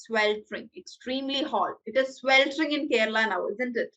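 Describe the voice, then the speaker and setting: A woman's voice: on the high side, extremely slow, bright, forceful tone, poor audio. A woman with a Malayali accent teaching an online English class over a video call, mixing English and Malayalam with frequent hesitations. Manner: switches between English and Malayalam, hesitant fillers.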